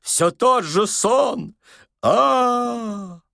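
A man voicing a frightened, tearful old man who wails and pleads in a shrill, drawn-out way. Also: animated, creaky, bright, forceful tone, no room sound, clean studio sound, full character voice. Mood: panicked. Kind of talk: audiobook character voice.

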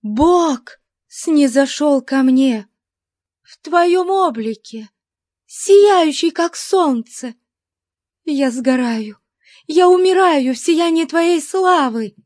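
A woman voicing a terrified young female captive who pleads in a high, breathless voice. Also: animated, drawn-out words, a little mellow, no echo, studio quality, exaggerated voice. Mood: desperate pleading.

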